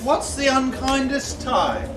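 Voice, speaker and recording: A man's voice: very high-pitched, lively intonation, takes it slowly, fairly bright tone, heavily acted. A man playing an impatient male servant who scolds and hurries a friend in a live Shakespeare comedy. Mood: scolding. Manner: scolding, urgent, breaking into laughter. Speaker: stage actor. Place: theatre performance space. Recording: distant echoey stage recording with background noise.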